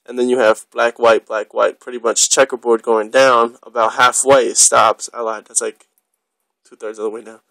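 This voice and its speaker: A man's voice: mid-range voice, flat delivery, moderate pace, vocal fry, fairly bright tone, dry recording, low-quality recording. A young man casually reviewing a watch on camera, rambling and enthusiastic, with lots of ums and the odd swear word.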